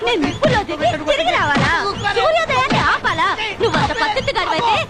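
A raging wife, very high and fast, shrill accusing, loud music and crowd. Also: female voice, sing-song. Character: furious wife confronting a cheating husband. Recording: film soundtrack with music and crowd.

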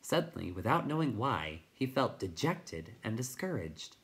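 A man reads a storybook aloud to young listeners, narrating with a lively, rising and falling voice. His pitch sits in the middle for a man, and he lets each line swing up and down to keep the story moving. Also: moderate pace. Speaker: teacher reading aloud.

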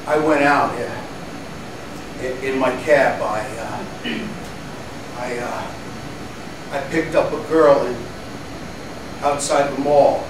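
Actor as stammering desperate suspect, roomy recording. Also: male voice, mid-range voice. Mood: halting, uneasy confession. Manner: halting, stammering, pleading. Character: desperate male criminal suspect confessing under interrogation. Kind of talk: dramatic monologue acting. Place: indoor studio against plain backdrop. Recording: roomy, distant mic, noisy air-conditioner hum.

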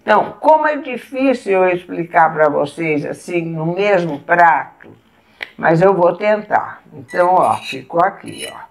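A woman with a Brazilian Portuguese accent, patiently showing step by step how to eat at the table and pausing to eat as she goes. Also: on the low side, lively intonation. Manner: patient, explains step by step while eating. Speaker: etiquette instructor. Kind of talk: casual demonstration.

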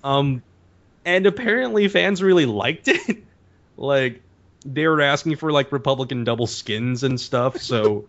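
A man's voice: medium pitch, a little slow. Man, voice actor guest, casual podcast chat, rambling storyteller, slightly muffled lo-fi sound. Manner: animated storyteller, peppered with "like" and "um".

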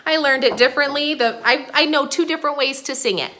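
A young woman teaching an online preschool lesson, talking gently and sing-song to small children. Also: high voice, quick pace, slight background noise.

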